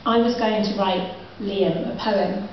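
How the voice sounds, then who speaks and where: A woman's voice: mid-range voice, fairly even intonation, measured pace, a little hiss or hum. A young woman poet performing a chatty, self-mocking spoken word set, giggling through her lines. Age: young adult. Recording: muffled, very echoey, from far off.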